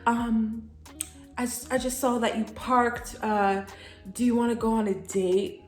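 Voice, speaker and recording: Woman putting on a sweet-talking, flirty woman, slightly higher voice, echoey room. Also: level tone, unhurried, faint music behind, lightly acted. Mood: coaxing. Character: flirty woman approaching parked trucks at night.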